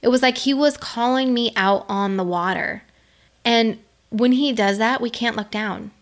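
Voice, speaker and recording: A woman's voice: fairly high pitch, unhurried. Earnest middle-aged woman giving a faith talk. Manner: earnest, conversational, laughs now and then. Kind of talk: faith-based motivational talk.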